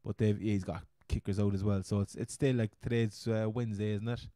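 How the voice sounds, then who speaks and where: A man's voice: fairly low pitch, little pitch movement, a little fast, mellow, dry recording, clean studio sound. An Irish man with a Cork accent hosting a casual sports chat, rambling and often repeating his words. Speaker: podcast host. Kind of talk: casual chat, fantasy football commentary.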